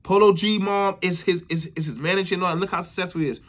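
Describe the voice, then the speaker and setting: This American YouTuber talks fast in a high voice with fairly even intonation, offering casual, opinionated commentary. He repeats phrases for emphasis and keeps checking in with the listener, tossing in "you know what I'm saying" again and again.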